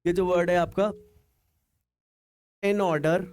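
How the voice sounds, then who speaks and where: A man teaches English, his voice sitting high for a man. He reads each line of text in a slow, careful way and then walks through its meaning in Hindi. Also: steady tone, darkish tone. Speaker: English tutor. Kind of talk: bilingual lesson explanation.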